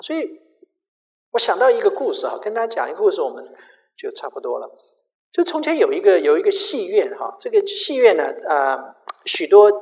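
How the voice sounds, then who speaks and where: A man preaching a sermon, telling a story in an animated way, often repeating and restarting words. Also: high voice, vocal fry. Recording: echoey hall with long reverb.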